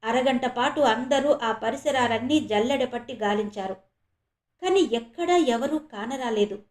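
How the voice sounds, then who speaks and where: A woman's voice: fairly high pitch, a little slow, darkish tone. Woman narrating a horror serial, roomy echo. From India. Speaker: storyteller, channel host.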